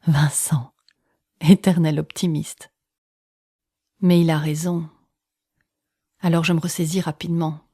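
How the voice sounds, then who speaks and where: A woman telling an intimate personal story in the first person, using dramatic pauses, sometimes dropping close to a whisper and acting out what others said. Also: low voice, flat delivery, warm tone, dry recording.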